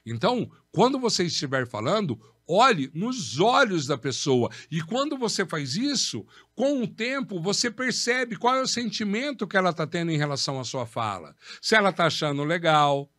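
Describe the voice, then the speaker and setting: A man hosts a podcast and gives a lesson on public speaking. His voice sits fairly high and moves with very animated swings, and he stresses key words again and again. The sound is dry and close, as in a small studio. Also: no room sound. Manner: emphatic, repeats key words, asks and answers his own questions. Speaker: podcast host. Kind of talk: instructive talk on public speaking.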